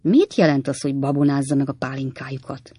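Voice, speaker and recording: A reader voicing Mr. Pickwick, an earnest, kindly elderly gentleman who asks and exclaims a lot, in a dry audiobook reading. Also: mid-range voice, slightly rough, no room sound, lightly acted. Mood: earnest, inquiring.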